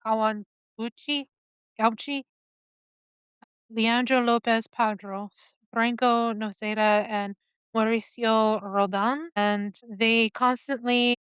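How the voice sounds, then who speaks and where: A woman co-hosting a casual podcast, reading out news stories in a halting way with pauses and fillers. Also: a little high, fairly bright tone, smooth, no echo. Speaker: podcast co-host.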